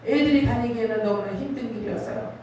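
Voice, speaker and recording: Middle-aged woman preacher, bit high voice, emotional storytelling sermon, far off in a super echoey hall. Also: quick pace, dark tone, a little hiss or hum. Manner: emotional, dramatic storytelling with sudden rises. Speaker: revival preacher. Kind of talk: sermon testimony. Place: large prayer retreat hall.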